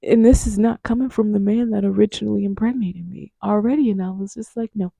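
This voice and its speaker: Gravelly, mellow-voiced woman vlogger. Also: medium pitch, steady tone, fast talker. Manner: frank and profane, with sudden loud outbursts; drops to a hushed, near-whispered aside at times. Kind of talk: candid casual storytelling.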